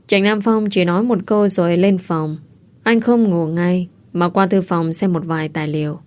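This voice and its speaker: A woman narrating a romance novel aloud in a steady, even storytelling manner. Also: on the low side. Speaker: audiobook narrator.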